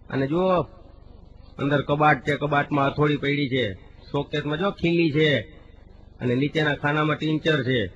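A man performs comic storytelling, his slightly raised voice jumping between characters. He drags out lines of verse for weight. The live recording is dull with a faint hiss underneath. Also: a little high. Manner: animated, acts out dialogue in quoted voices; recites verse slowly with drawn-out emphasis. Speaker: stand-up comedian.

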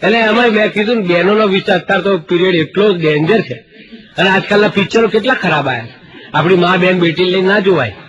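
High-voiced comedian on muffled radio. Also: male voice, fast, a bit bright. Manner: jokey anecdotal delivery, acting out dialogue, reciting couplets. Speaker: stand-up comedian. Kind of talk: Gujarati stand-up comedy storytelling.

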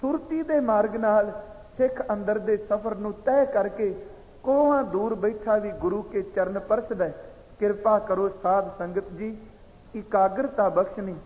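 A man giving a slow, measured sermon that explains recited verses, heard as tinny sound in a reverberant hall. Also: high-pitched. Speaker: preacher. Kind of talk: katha sermon.

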